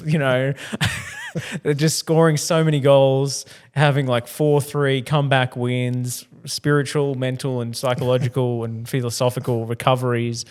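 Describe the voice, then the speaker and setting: An Australian man hosts a football podcast, moving things along with wry, self-mocking humour. His voice sits at a middle pitch and he talks quickly. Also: darkish tone. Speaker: podcast host. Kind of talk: casual podcast chat.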